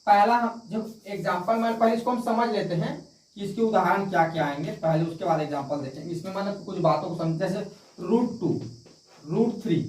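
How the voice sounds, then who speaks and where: A man's voice: high-pitched, a little mellow. Man teaching math in an echoey room. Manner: repetitive, asks and answers own questions. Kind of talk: classroom math lesson. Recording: echoey room, distant mic.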